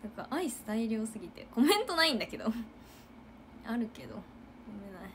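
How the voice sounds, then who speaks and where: Young woman, casual livestream chat, high and very animated, giggly, faint background hiss. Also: fast talker. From Japan. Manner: chatty, giggly, acts out loud quotes. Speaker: idol livestreamer.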